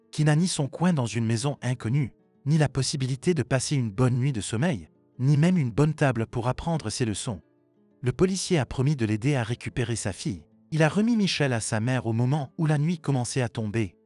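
A man narrating a scripted family drama story in an even, steady reading voice. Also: medium pitch, dry recording. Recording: dry with faint music behind.

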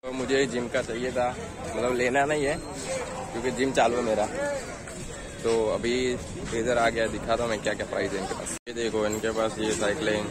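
A young Indian man vlogs casually while walking through a busy outdoor street market, chatting and haggling with sellers over prices. His medium-pitched voice is level at a moderate pace, captured on a handheld phone camera amid crowd chatter and passing traffic.

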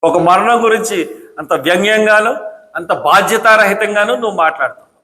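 Angry high-voiced man in echoey hall. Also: fast, pushed and bright. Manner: combative, scolding, repetitive rhetorical questions. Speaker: political commentator. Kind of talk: angry political speech.

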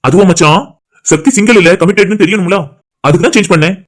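A man's voice: high-pitched, fast. A man voicing a cocky young groom in a cartoon, teasing and boastful. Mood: smug. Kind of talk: cartoon voice acting.

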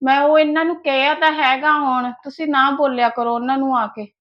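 A woman's voice: high voice, level tone, a little fast, highs cut off, natural voice. A woman with an Indian Punjabi accent acting a young daughter-in-law who persuades and pleads to make peace in an amateur family drama skit. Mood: coaxing.

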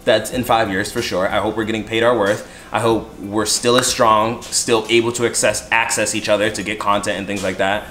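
A man's voice: lowish voice, little pitch movement, brisk, hardly any pauses, a bit bright. Casual young man in an echoey room. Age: 20s. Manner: repeats phrases for emphasis. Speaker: co-host answering viewer questions. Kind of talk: casual group chat. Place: living room couch, indoors. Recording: roomy echo, music behind.

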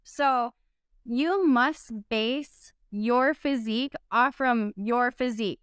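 A woman's voice: fairly high pitch, takes it slowly, clear, resonant tone, dry recording, clean studio sound. A woman in her twenties answering interview questions over a video call, upbeat and chatty with frequent "um"s. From United States. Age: 20s. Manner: upbeat, laughs easily, frequent "um"s. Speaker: guest, bikini competitor. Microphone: video call from home.

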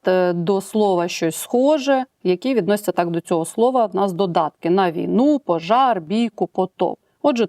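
Woman teacher, mid-pitched, clear and methodical, dry close recording. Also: darkish tone, dry recording. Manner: clear, measured explaining, reads examples aloud and breaks them down. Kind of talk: recorded grammar lesson.

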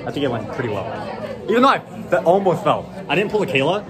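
A teenage boy recapping his choir performance in an animated, upbeat way. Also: on the high side, fast talker, a crowd in the background. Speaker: show choir member.

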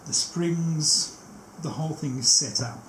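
In an echoey little workshop full of clutter, a man in his sixties sets up a tape machine on camera, explaining each step spontaneously and pausing often as he works. His voice is fairly high and a bit bright. Faint background noise comes through the camera mic.

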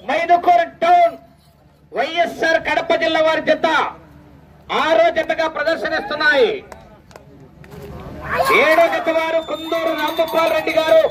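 A man announcing a live outdoor contest over a loudspeaker, calling out results and whooping excitedly between announcements. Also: extremely high pitch, low-quality recording. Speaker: event announcer. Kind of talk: live announcing and cheering at a bull pulling contest. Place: outdoor rural event ground. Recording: faint crowd and noise outdoors.

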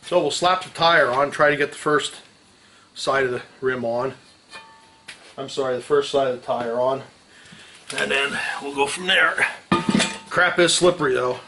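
Working a few feet from the camera in an open-doored garage, a middle-aged man hosts a casual repair tutorial peppered with salty, folksy slang. He speaks in a mid-range voice that sounds pushed and bright, unhurried and broken by long pauses, while tools clank against metal.

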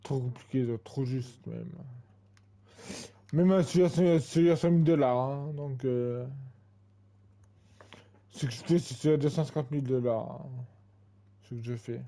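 A man's voice: mid-range voice, normal speed, pauses often, dark tone. A man in his twenties giving casual gameplay commentary, rambling and full of fillers and repeated tags. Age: 20s. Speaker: gaming channel host.

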